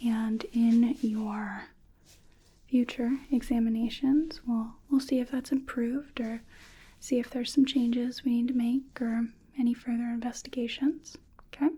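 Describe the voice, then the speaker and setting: A woman whispers right into a close microphone, playing a calm dental hygienist for an ASMR roleplay. Her voice is airy and breathy with a deep, mellow warmth and a slightly high pitch. She speaks slowly and gently, pausing often to reassure. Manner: soft whisper, slow and reassuring, checks in with "okay?". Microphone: close sensitive mic.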